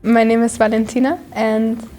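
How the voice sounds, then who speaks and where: Young austrian woman, pretty monotone, stops and starts. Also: on the high side, soft background music. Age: young adult. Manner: halting, flat. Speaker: interviewee.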